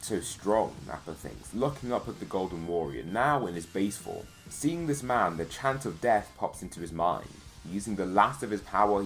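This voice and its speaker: A man hosting his channel and narrating a fan story in a plain, steady reading voice. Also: low voice. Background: faint music.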